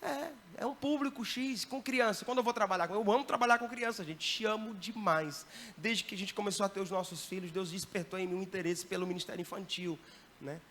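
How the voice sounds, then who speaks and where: A man, a missionary giving a lively church training talk and often checking in with the audience. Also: high-pitched, brisk, slight background noise. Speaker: missionary teaching evangelism. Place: church hall.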